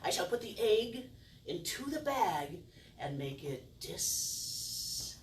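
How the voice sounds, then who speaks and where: A woman's voice: medium pitch, sing-song, slow pace, recorded from a distance. A middle-aged woman plays the kids' party magician with big, swooping intonation. She is theatrical and playful, full of exaggerated wonder and mock puzzlement. The sound is roomy, picked up by a camera some way from her small indoor stage, with faint noise. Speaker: children's magician and circus performer. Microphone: distant camera.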